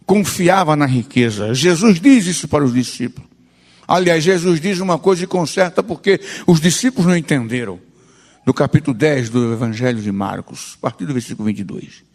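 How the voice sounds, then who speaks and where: Brazilian pastor preaching with sweeping pitch. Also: male voice, expressive, moderate pace, long reverb tail. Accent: Brazilian Portuguese. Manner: swings from loud preaching to quiet asides. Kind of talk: sermon.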